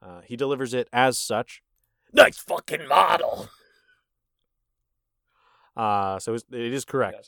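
A man's voice: mid-range voice, fairly quick, hardly any pauses, clear, resonant tone, no echo. A man hosting a casual movie podcast, quizzing his co-host and scoring answers with dry wit.

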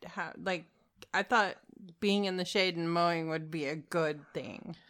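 A woman's voice: on the low side, fairly even intonation, unhurried, a bit bright. A woman co-hosting a casual podcast, teasing her co-host and laughing easily.

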